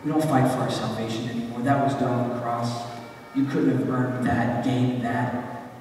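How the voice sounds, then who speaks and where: A man preaching a sermon as pastor of a church, his delivery surging in intensity and dropping to quiet asides. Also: medium pitch, flat delivery, normal speed, slight background noise. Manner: impassioned preaching, rising and falling intensity. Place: church sanctuary. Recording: echoey hall, voice from far off.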